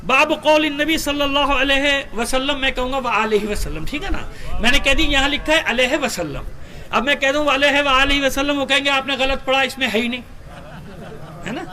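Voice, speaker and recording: A man with a Pakistani Urdu accent giving a sermon and reading hadith, asking his listeners rhetorical questions and chanting the Arabic slowly. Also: very high voice, bright, forceful tone. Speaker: Shia cleric.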